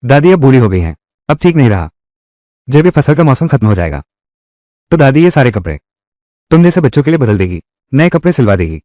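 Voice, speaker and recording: A man's voice: medium pitch, big pitch swings, brisk, long pauses, warm tone, no echo, clean studio sound, lightly acted. A man voicing every role in a dubbed drama, speaking all the parts in much the same voice. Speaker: dubbing voice actor.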